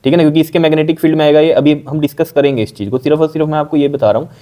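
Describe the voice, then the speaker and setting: Mellow-voiced male science teacher. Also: a little high, fairly even intonation. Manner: repetitive, checks understanding with frequent "okay?"; dictates definitions slowly. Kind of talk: explanatory online lesson.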